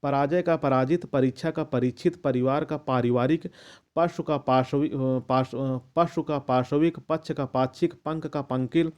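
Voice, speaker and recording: Slow, methodical male teacher reciting. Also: medium pitch, steady tone, a little mellow. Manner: measured and methodical, with occasional restarts and coughs. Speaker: teacher reading a Hindi vocabulary list. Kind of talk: slow recitation of word pairs.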